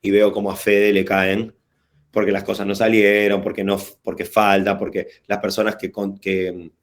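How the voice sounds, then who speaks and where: A man with a Rioplatense Spanish accent runs a workshop over a video call, his voice sitting fairly low. He talks in a loose, slangy, wandering way, often restarting a phrase before he finds the right words. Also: little pitch movement, moderate pace. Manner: casual, digressive, slangy, hesitant restarts. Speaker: workshop facilitator. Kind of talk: informal online workshop talk.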